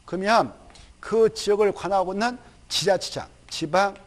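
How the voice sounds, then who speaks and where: A male lecturer with a fairly high voice teaches a recorded exam-prep course in a lively, chatty way. He fires questions at his students, answers them himself, and slips into quick quoted asides acting out officials.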